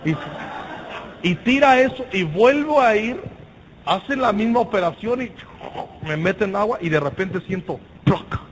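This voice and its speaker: Animated Mexican man preaching. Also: high-pitched, measured pace, long pauses, slight background noise, rough recording. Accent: Mexican Spanish. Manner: animated storytelling with shouted exclamations and slang. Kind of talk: sermon with personal story.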